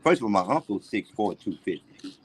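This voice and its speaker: A man's voice: fairly low pitch, sing-song, fairly quick, slight background noise. A man, middle-aged, with toothless, slightly slurred speech, telling personal stories candidly and casually as a livestream guest. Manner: candid, conversational.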